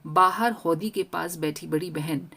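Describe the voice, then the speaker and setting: A woman narrating a story in first person as a young girl, with an expressive reading. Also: lowish voice, measured pace, creaky.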